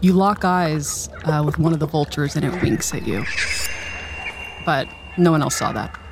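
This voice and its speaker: A woman's voice: deep voice, moderate pace, noisy background. A woman running a tabletop game as game master, narrating and questioning players in a casual way.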